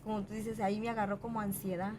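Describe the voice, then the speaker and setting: A woman earnestly recounting a personal testimony in a halting, heartfelt way, often repeating words as she goes. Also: mid-range voice, level tone, background noise. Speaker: guest sharing testimony.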